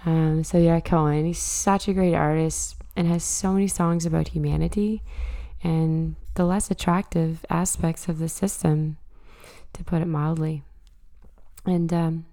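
Lady host, hoarse raspy voice from a cold, kinda low, lots of ums. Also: fairly even intonation, measured pace, warm tone. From Canada. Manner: thoughtful, many fillers. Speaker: podcast host. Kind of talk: casual spoken monologue.

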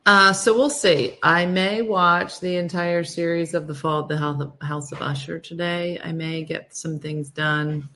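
Low-pitched, listless woman chatting. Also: steady tone, measured pace, hardly any pauses, bright, forceful tone. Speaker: host of a morning livestream show. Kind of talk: casual livestream chat with viewers.

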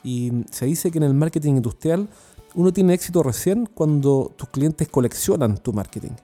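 A man's voice: a little high, animated, moderate pace, warm tone, soft background music. A man with a Chilean accent hosting a solo podcast, talking in a chatty, earnest way with many fillers and restarts. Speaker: podcast host and sales consultant.

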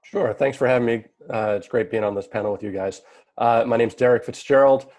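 A man's voice: medium pitch, brisk, a little mellow, no room sound. A man in his thirties or later, introducing himself on a panel in an earnest way, with many restarts and fillers.

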